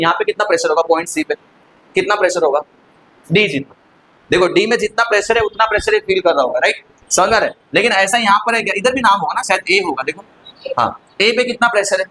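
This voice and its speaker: High-voiced man quizzing a physics class. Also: sharp tone, poor audio. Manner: keeps quizzing students and answering himself; mixes English terms into Hindi explanations. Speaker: physics teacher. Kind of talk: classroom lecture.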